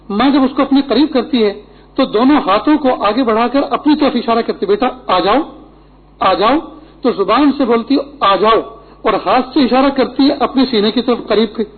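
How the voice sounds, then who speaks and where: Middle-aged guy giving a friday sermon, high husky voice, sounds like it's coming through a phone. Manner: earnest instructive preaching with Arabic quotations. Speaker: preacher. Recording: tinny phone-like lo-fi recording.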